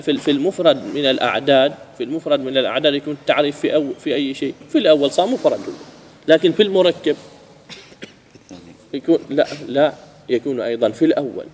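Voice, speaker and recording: A man teaching a grammar lesson, asking his students questions and repeating key phrases slowly. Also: fairly high pitch, darkish tone, slight background noise.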